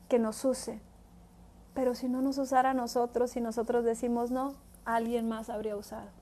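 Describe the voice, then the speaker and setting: Gentle woman reading scripture and praying. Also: a little high. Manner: earnest, gentle, leads a spoken prayer; slows down and repeats phrases for emphasis. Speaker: Bible study host. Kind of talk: devotional Bible reading and prayer.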